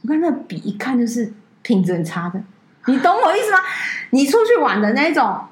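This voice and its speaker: A woman co-host tells stories in a casual, animated chat, her voice swinging widely. She talks fast and sits fairly high. The room adds a noticeable echo. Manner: animated storyteller, mimics people in a high voice. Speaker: podcast co-host.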